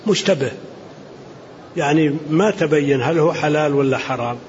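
An older man from Saudi Arabia, an Islamic scholar answering questions in a measured, explanatory lecture, reading each question aloud and then rebutting it. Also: on the high side, darkish tone. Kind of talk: religious Q&A lecture. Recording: muffled lo-fi lecture recording with faint hiss.

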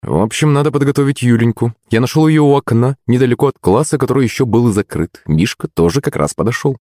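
A man reading a first-person story aloud as an audiobook narrator, in a lively, expressive way. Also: medium pitch, fast, no echo, clean studio sound.

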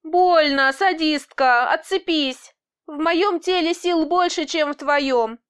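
A woman's voice: high-pitched, slow, a bit bright. A woman voicing a sarcastic, capricious male boss trapped in a woman's body, snapping and mocking in an audiobook. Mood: whiny.

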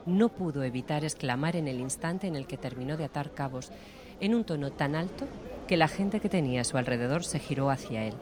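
A man narrating an audiobook in a steady, measured storytelling voice. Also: a little high. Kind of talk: scripted narration.

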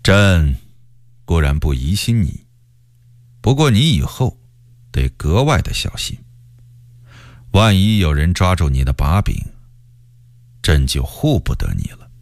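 A man voicing a cold, suspicious emperor in a radio story, speaking slowly with quiet menace. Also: sits low, wildly swooping pitch, vocal fry, no room sound, heavily acted. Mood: stern. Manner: slow, cold, measured menace.

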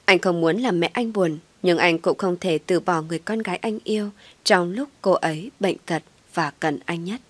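Brief: woman storyteller, low voice, dry close sound, steady narration. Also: moderate pace, no room sound.

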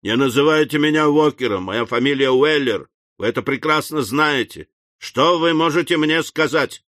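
A man reading an audiobook voices a rough, quick-tempered young manservant who talks loud, gruff and scornful. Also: a little high, no echo, clean studio sound, natural voice. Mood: gruff, threatening.

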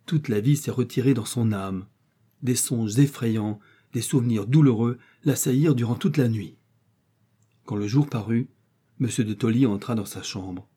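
A man narrating a classic romantic novella in a measured, expressive literary reading. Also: medium pitch, breathy edge.

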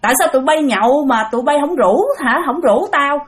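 A woman's voice: sits high, lively intonation, brisk. A woman voicing the rowdy spirit of a dead drinker who speaks through a young man, bossy and demanding.

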